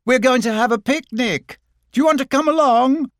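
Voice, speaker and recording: A man's voice: on the high side, big pitch swings, unhurried, a little mellow, slightly rough, dry recording, clean studio sound, full character voice. A man voicing a cheerful, practical young boy who calls out eagerly. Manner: eager, calling out.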